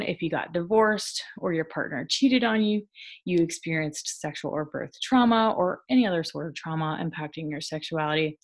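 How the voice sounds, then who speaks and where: A woman hosting a podcast, giving frank, chatty advice on relationships with casual swearing and rhetorical asides. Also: fairly low pitch. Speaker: podcast host, intimacy coach.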